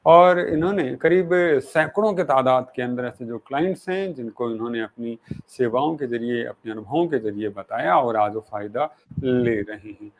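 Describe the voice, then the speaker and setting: A man hosting an interview show, speaking in a measured, formal way and opening with a couplet of poetry. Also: medium pitch. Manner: measured, recites Urdu poetry, polite formal address. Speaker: interview host.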